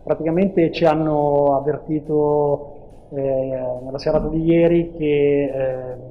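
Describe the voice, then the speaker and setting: A man giving a hesitant post-match interview answer as an assistant coach, captured in low quality on a mobile phone. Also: narrow, tinny audio.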